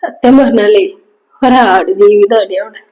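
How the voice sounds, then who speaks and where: Short-film daughter, a woman acting her: young adult, worn down, quiet and resigned. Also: medium pitch, unhurried, lo-fi sound, close to an everyday voice. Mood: weary, resigned. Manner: subdued, resigned speech.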